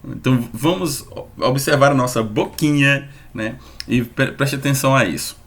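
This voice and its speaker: Man, online lesson, lively teacher, mid-pitched voice, repeats sounds slowly.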